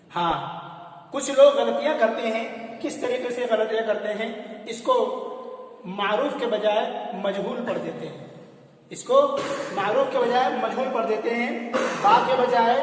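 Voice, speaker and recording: A man teaching the reading of Arabic letters, patiently repeating each sound for learners to copy. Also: very high-pitched. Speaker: Islamic teacher. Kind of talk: Quran reading lesson. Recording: echoey hall from far off.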